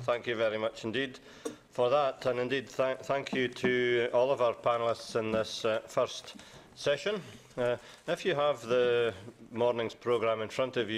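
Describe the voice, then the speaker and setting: A man chairing a conference session, hesitant and filling pauses with uh. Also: medium pitch, a little hiss or hum. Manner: hesitant, lots of uh fillers. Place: conference room.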